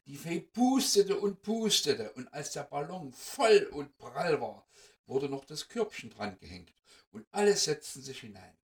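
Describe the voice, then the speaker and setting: A man reading a children's story aloud in an expressive, animated way, recorded from a distance. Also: on the high side, unhurried.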